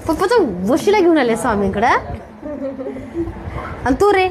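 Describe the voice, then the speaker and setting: A woman with a very high, light voice talks with visitors who came to meet her. She coaxes and teases them gently, asking the same thing again and again. A crowd chatters loudly around her. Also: big pitch swings, moderate pace. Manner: teasing, coaxing and reassuring, repeats questions. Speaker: video creator meeting viewers. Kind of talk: casual chat with visitors.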